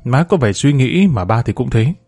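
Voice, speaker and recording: A man's voice: mid-range voice, expressive, moderate pace, a little mellow, breathy edge. A man reading as a sullen, fed-up teenage son. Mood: offhand.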